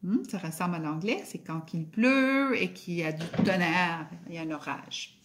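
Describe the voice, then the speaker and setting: A woman teacher, giving a phonics lesson to children and sounding out each word slowly and clearly. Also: on the low side, animated. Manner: slow, drawn-out word-by-word pronunciation.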